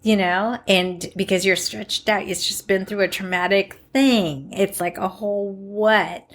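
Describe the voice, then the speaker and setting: A woman's voice: medium pitch, steady tone, measured pace, a bit bright. A woman co-hosting a podcast, chatting casually and animatedly with laughs and quoted asides. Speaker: podcast co-host. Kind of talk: casual chat.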